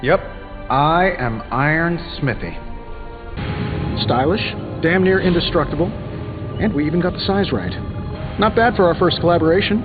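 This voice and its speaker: A man's voice: fairly high pitch, lively intonation, normal speed, pauses often, close to an everyday voice. Iron Man, a glib wisecracking hero, acted by a man. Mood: cocky teasing. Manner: glib, sarcastic, theatrical. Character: Iron Man, wisecracking jittery genius inventor superhero. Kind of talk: video game dialogue acting. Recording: tinny band-limited audio, music underneath. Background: background music.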